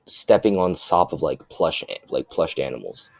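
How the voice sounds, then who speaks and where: Low-voiced young man telling a halting story. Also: lively intonation, gravelly, no room sound. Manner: halting, full of restarts and fillers. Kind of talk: improvised fan-fiction storytelling.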